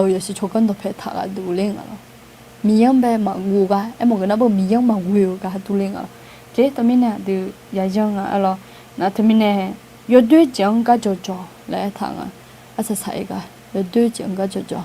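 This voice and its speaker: A woman's voice: mid-range voice, dark tone, slight background noise. A woman giving an informal, conversational outreach talk to a group, with frequent hesitation sounds and light laughter. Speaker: outreach speaker.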